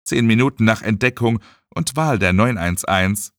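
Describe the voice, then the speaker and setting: Expressive German audiobook narrator, man. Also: fairly low pitch, moderate pace, no room sound, studio quality. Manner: dramatic, expressive reading. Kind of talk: scripted narration.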